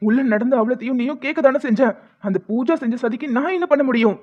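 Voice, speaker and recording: A performer voicing a stubborn young husband set on revenge in a homemade cartoon, talking forcefully and insistently. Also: high-pitched, fast. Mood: pleading. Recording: dull lo-fi sound with faint music.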